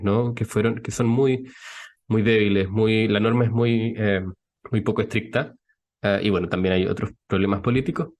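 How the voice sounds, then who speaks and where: Young Chilean man explaining at length. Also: lowish voice. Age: young adult. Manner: thoughtful, explanatory. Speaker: guest scientist. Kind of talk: podcast interview.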